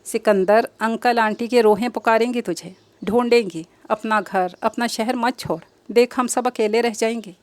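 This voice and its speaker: A woman's voice: fairly high pitch, steady tone, hardly any pauses, no echo, natural voice. A woman voicing a loyal male friend who speaks in a soothing, coaxing way. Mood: pleading.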